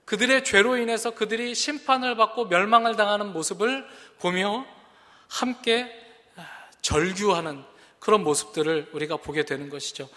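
A pastor preaching a sermon, earnest and building to impassioned emphasis. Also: male voice, sits high, sharp tone. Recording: long reverb of a large hall.

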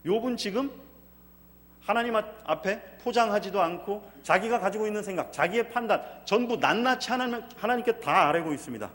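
A male pastor preaching a sermon, moving from anguished voiced prayers to calm explanation of scripture. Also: high-pitched. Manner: dramatic, voicing anguished prayers then dropping to a calm teaching tone. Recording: long reverb from a church hall.

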